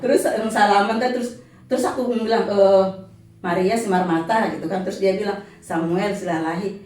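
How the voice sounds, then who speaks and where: Woman storyteller, blunt, lively, quoting people; echoey, distant mic. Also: mid-range voice, a little fast. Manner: lively, blunt, laughs often, acts out quoted lines. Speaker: guest telling her story. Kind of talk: casual storytelling chat. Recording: echoey room, voice far from mic.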